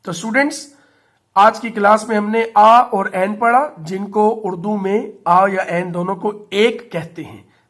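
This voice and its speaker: A man's voice: high voice, unhurried, a bit bright. A male teacher giving a classroom lesson, patiently explaining and spelling words out letter by letter. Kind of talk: classroom lesson on English articles.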